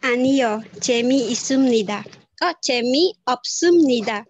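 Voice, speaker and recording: A woman student reading example sentences aloud in an online class, carefully and haltingly, correcting herself as she goes. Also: a little high, animated. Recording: dull lo-fi video call audio.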